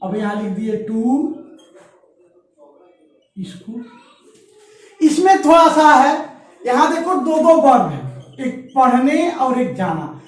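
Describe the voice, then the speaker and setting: Slow-speaking teacher in an echoey room. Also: male voice, very high voice, big pitch swings, recorded from a distance. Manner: asks questions and answers them himself; dictates example sentences word by word. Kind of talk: classroom grammar lesson.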